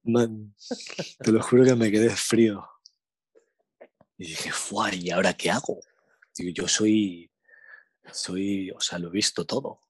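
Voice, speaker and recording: A young man from Spain with a Spanish accent, telling a slangy, animated anecdote in casual chat. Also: fairly low pitch, takes it slowly, pauses often, breathy edge, no room sound. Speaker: storyteller.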